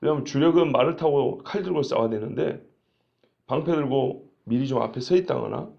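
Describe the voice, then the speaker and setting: A man's voice: mid-range voice, fairly quick, creaky, dull audio. A male pastor giving an expository Bible sermon in a conversational way, often asking rhetorical questions.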